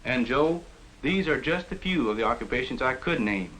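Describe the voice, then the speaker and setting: An actor playing an earnest shop teacher in a formal, measured 1950s educational film narrator manner. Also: male voice, mid-range voice, expressive, a bit bright, natural voice, low-quality recording. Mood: earnest, instructive. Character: earnest adult male shop teacher advising a student.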